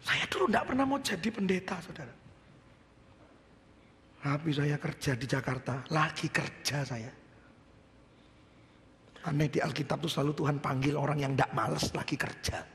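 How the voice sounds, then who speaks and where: A man from Indonesia, preaching a sermon with a personal testimony, swinging between shouts and hushed whispers. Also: a little high, expressive, normal speed, long pauses, a little hiss or hum. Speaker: pastor. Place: church. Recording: reverberant church hall with faint ambience.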